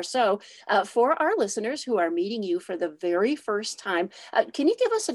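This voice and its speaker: A woman speaks at a medium pitch as the host of a podcast. She talks conversationally, as in an informal interview.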